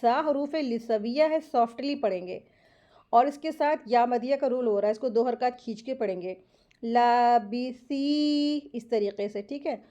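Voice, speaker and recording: A woman teaches Quran recitation step by step, explaining each rule quickly and then reciting words slowly as examples. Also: fairly high pitch, dark tone. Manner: slow, drawn-out model recitations between quick explanations. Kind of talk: step-by-step tajweed lesson.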